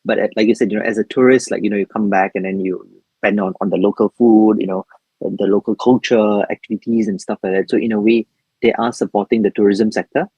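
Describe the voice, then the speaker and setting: A man's voice: lowish voice, steady tone, quick pace, warm tone, husky, no echo. A man from Malaysia, co-hosting a podcast in casual discussion and talking hesitantly with many fillers and restarts. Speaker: podcast co-host. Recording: muffled lo-fi podcast audio.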